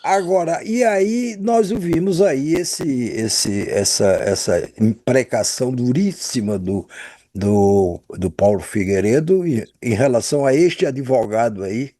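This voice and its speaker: A man's voice: mid-range voice, expressive, unhurried, warm tone. A Brazilian man hosting a casual political discussion, stammering and circling back on his words. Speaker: talk show host.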